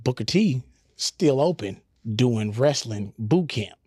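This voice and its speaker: A middle-aged comedian and radio personality from Houston, Texas, appears as a podcast guest, telling stories casually in a candid, profane way with slangy asides. He speaks slowly in a medium-pitched, dark voice with a breathy edge and lively intonation, and there's no room sound.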